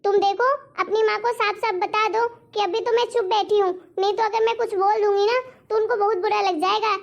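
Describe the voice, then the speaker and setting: A woman voicing a defiant young wife who scolds her husband loudly and rudely, scorning her mother-in-law, in a cartoon story. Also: very high voice, fairly even intonation, brisk, gravelly, lo-fi sound. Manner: loud, scolding, rude. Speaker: daughter-in-law.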